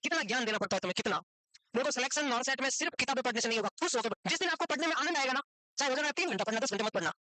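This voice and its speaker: Brisk, bright-voiced woman teaching a class. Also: sits high, animated, no room sound. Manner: quizzes and scolds students, brisk. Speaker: nursing exam teacher. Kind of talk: classroom lecture.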